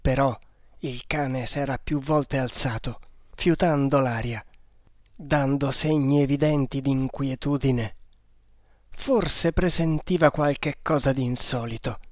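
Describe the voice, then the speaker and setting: A man narrating an adventure storybook in a slow, deliberate reading. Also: mid-range voice, a little mellow, no echo, studio quality. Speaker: audiobook narrator.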